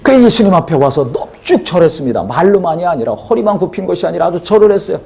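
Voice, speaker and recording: A man's voice: high voice, animated, fast talker, vocal fry, warm tone. A male pastor preaching a sermon, putting rhetorical questions to the congregation.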